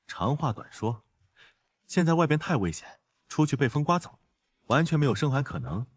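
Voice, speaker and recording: A calm, tough soldier husband. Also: male voice, a little high, normal speed, breathy edge. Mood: steady. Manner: calm, clipped and assured.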